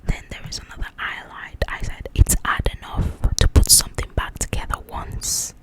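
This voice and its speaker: Whispering breathily at a moderate pace, a woman who runs an ASMR book channel walks through book highlights. Her tone is confiding and chatty, and she checks in that the listener is keeping up.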